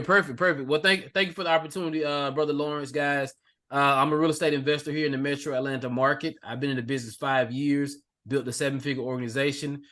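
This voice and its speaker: Fast-talking, eager man introducing himself. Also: medium pitch, fairly bright tone. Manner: eager, keeps adding "man". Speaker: attendee, real estate investor. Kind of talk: self-introduction on a video call. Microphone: video call.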